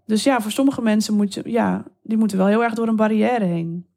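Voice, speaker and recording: A woman guest talking openly and eagerly in an interview, speeding up in quick bursts. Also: medium pitch, vocal fry, darkish tone. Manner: open, enthusiastic, quick bursts with laughs. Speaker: guest telling erotic stories. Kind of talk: interview conversation.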